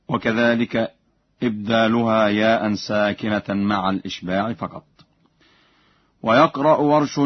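A man teaching Quran recitation rules in a measured, explanatory way, chanting short examples. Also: medium pitch, slightly rough, dry recording, dull audio.

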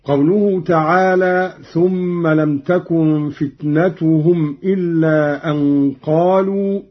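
Husky guy, kinda high voice, going real slow through a quran reading lesson, muffled lo-fi sound. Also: fairly even intonation. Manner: measured, deliberate, chanting the quoted verses. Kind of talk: slow explanatory lesson with recited verses. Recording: dull lo-fi recording.

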